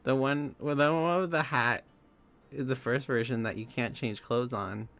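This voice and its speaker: A man's voice: mid-range voice, steady tone, moderate pace, a bit bright. A young man streaming live, chatting casually with viewers, giggling often and rambling through restarts.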